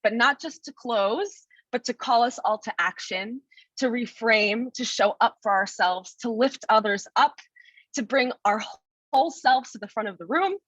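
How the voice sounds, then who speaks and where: A woman with a high, bright voice, hosting a conference and thanking the speaker, teary and effusive. The sound is dry and slightly dull. She is audibly moved as she speaks. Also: measured pace, dry recording. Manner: effusive, emotional, tearful thanks. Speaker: conference host. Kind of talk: emotional closing remarks.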